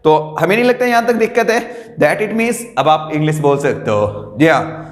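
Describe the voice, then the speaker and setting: A man teaching an English grammar lesson in a classroom, animated, quizzing his students and having them call out the answers. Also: on the high side, normal speed. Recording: echoey classroom, long reverb.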